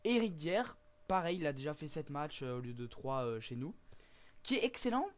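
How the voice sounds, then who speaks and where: A man's voice: a little high, a little fast. Chatty young man commenting a game. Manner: chatty, hesitant with many fillers, bursts of excitement. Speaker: gaming YouTuber. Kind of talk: casual let's play commentary.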